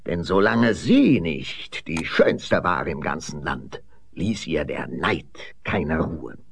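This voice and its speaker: A man reading a fairy tale aloud with expressive, sweeping storytelling. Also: a bass voice, takes it slowly, vocal fry, breathy edge.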